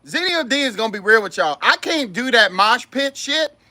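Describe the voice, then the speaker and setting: A man's voice: very high voice, animated, normal speed, pushed and bright. A man hosting a casual livestream chat, a comedian who jokes around and swears freely as he tells stories. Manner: loose, joking, swears freely.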